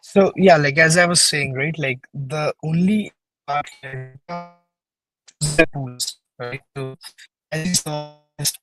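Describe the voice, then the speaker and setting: A man's voice: a little high, slow, fairly bright tone, soft background music. Guest, male, casual explainer full of fillers and "right?" tags; choppy breaking-up call audio, drifting distant. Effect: glitchy call audio breaking up. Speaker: guest developer on a livestream. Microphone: video call.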